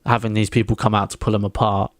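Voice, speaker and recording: A man's voice: on the low side, level tone, quick pace, dry recording, clean studio sound. A young man co-hosting a casual wrestling chat, talking in an exasperated, grumbling way. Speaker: podcast co-host.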